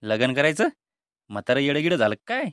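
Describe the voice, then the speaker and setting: A man's voice: medium pitch, big pitch swings, fairly quick, heavy background noise, natural voice. A man voicing an exasperated, timid middle-aged father in a cartoon comedy, with a Vidarbha Marathi accent and a pleading tone.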